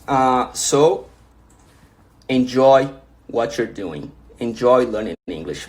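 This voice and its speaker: A young Brazilian man, a native Portuguese speaker with a Brazilian Portuguese accent, hosts a casual livestream, reading viewer questions aloud and answering them encouragingly. He speaks at medium pitch and often restarts his sentences.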